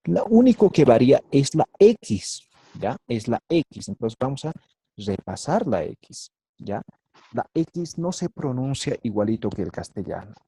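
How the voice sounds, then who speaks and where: A man leads an online language lesson over a video call, repeating syllables carefully and checking understanding after almost every phrase. His voice is dark and a bit husky, with a dry, close sound free of any room echo. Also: medium pitch, big pitch swings, measured pace. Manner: patient, checks in with "¿ya?" and "¿sí?" constantly. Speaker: language teacher.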